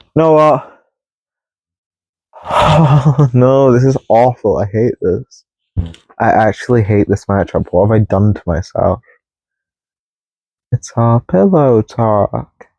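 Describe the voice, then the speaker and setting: A man's voice: lowish voice, measured pace, pauses often, warm tone, breathy edge, dry recording, dull audio. A man giving casual music commentary from his bedroom, chatty and laughing often. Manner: chatty, sings snippets of songs, laughs often. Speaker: music vlogger.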